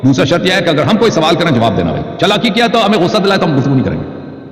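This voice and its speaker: A man's voice: a little high, sing-song. A man hosting a heated religious debate, needling and argumentative, pressing his opponent with the same challenges again and again. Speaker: debate host. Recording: echoey, long reverberant sound.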